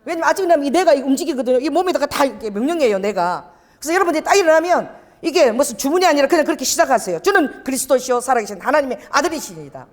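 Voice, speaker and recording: A middle-aged woman pastor preaches in an animated storytelling way, her fairly high voice swooping widely as she talks quickly. Her sermon rings with the long reverb of a church sanctuary.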